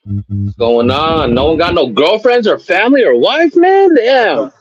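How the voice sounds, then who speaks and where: A man on a video call joining a live stream, chatting casually about basketball in a relaxed, loose way with lots of filler words. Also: fairly high pitch, unhurried, over music. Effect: heard over a video call. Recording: muffled lo-fi call audio.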